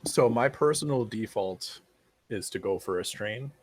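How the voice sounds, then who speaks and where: A man co-commentating a tabletop game on a livestream, thinking aloud with pauses. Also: fairly low pitch, expressive.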